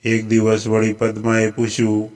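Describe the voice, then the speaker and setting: A man with a Gujarati accent narrates a traditional folk tale in measured, scripted storytelling. His voice sits a little low and stays remarkably flat, hardly rising or falling.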